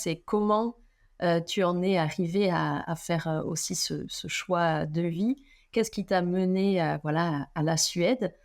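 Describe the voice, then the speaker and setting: Low-voiced woman hosting a podcast interview. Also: darkish tone. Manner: hesitant, rambling questions with fillers. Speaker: podcast host. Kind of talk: conversational interview questions.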